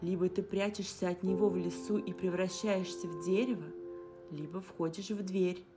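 A woman voicing a calm, tender young woman who gently reassures her friend. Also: on the low side, normal speed, lightly acted. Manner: gentle, reassuring, soft sighs. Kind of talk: audiobook character reading. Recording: guitar music underneath. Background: guitar music.

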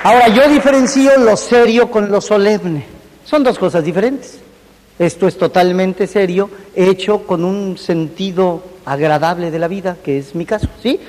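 A man's voice: sits high, normal speed, a little mellow, some chatter behind. A man giving a humorous business seminar, joking and speaking directly to a live audience. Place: large hall with a live audience. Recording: reverberant hall, faint noise.

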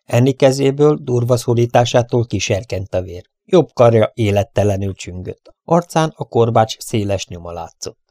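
A man narrating an adventure story in a steady, measured reading voice. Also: medium pitch, no room sound, studio quality. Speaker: audiobook reader.

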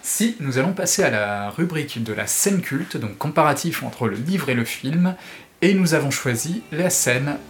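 Man reading a novel aloud, slightly high. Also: animated, normal speed. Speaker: podcast host.

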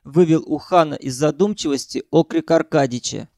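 A man narrating an audiobook story in a lively, dramatic manner. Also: a little high, normal speed, creaky, no echo, clean studio sound.

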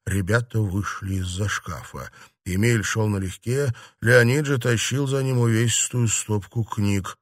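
A man reading an audiobook in an even, measured storytelling manner. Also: fairly low pitch, dry recording, studio quality. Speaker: audiobook narrator. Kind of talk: scripted narration.

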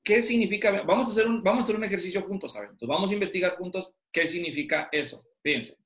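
A man teaches pastors over a video call, his voice high for a man. He keeps firing questions at his students to pull answers out of them. The room around him sounds roomy and echoey. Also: fast talker, a bit bright. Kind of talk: interactive online class. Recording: roomy echo.

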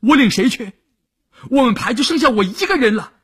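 A man's voice: extremely high pitch, animated, brisk, breathy edge, voice pushed up, heavily acted. A man voicing a desperate young soldier, the last one left of his platoon. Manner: desperate, pleading. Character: desperate young male soldier, sole survivor.

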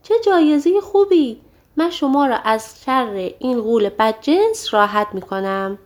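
A woman voicing a brave, clever young male giant-slayer who shouts boldly and eagerly in a storybook reading. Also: sits high, expressive, pitched above the performer's own voice. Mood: triumphant.

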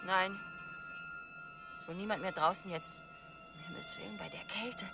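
A woman's voice: on the low side, normal speed, gravelly, over music. An actress playing a fussy, flustered old woman horse dealer in a radio play, exclaiming in alarm. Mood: worried. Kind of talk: radio drama acting.

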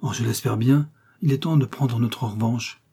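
A man's voice: medium pitch, normal speed, warm tone, slightly rough. A man reading the part of a devoted, emotional farmer who speaks effusively to his master. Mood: eager. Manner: tearful, effusive. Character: emotional devoted male farmer, loyal servant.

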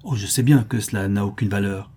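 A man's voice: on the low side, fairly quick, warm tone, slightly rough. A man voicing a bewildered, timid middle-aged clerk who stammers and hesitates. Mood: hesitant.

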